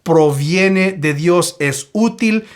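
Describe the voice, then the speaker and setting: A man's voice: sits high, very slow. A man giving a Bible teaching video, explaining a Greek word step by step and repeating his main points with emphasis.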